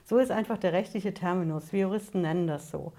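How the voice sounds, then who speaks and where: A woman's voice: lowish voice, fast, mellow. A woman, a tax lawyer, explaining things to her viewers in an emphatic way and raising rhetorical questions. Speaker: tax lawyer, channel host. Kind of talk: explanatory talk to camera.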